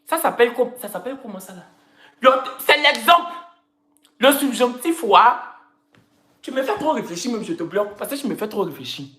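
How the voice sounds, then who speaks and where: A woman's voice: a little high, expressive, a little fast, long pauses, fairly bright tone. A woman chatting casually on a live stream, teasing and repeating her phrases in a playful, joking way. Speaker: social media personality. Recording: roomy echo.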